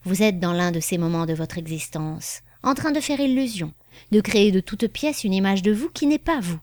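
A woman voicing a man posing as a fortune-teller, smooth and persuasive as he reads the cards. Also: mid-range voice, lively intonation, moderate pace, a little mellow, no room sound, studio quality, natural voice.

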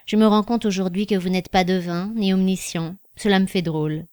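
A woman's voice: medium pitch, fairly even intonation, brisk, darkish tone, smooth, dry recording, studio quality, natural voice. A woman voicing a guarded, troubled man in a storybook reading, talking in a hesitant, earnest way.

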